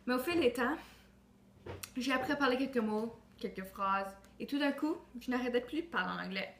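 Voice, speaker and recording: A woman's voice: on the high side, moderate pace. Earnest declamatory woman. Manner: earnest, declamatory, with frequent restarts. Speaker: student. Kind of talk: recited monologue for a school project. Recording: roomy echo with faint ambient noise.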